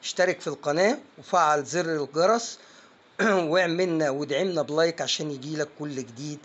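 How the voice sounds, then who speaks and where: Emphatic Egyptian teacher, slightly high voice. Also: male voice, highs cut off. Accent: Egyptian Arabic. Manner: emphatic, coaxing, drills words slowly syllable by syllable. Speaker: English pronunciation teacher. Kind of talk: energetic online lesson.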